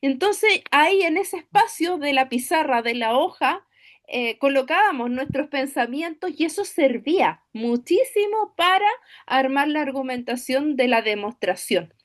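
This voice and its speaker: A woman's voice: sits high, lively intonation, a little slow. A woman math teacher sharing an experience hesitantly in a workshop discussion over a video call. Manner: hesitant, repeats words.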